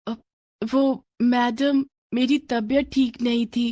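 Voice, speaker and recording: A woman's voice: on the high side, level tone, slow, mellow, no room sound, clean studio sound, voice pushed up. A woman voicing a shy, timid schoolgirl who speaks hesitantly.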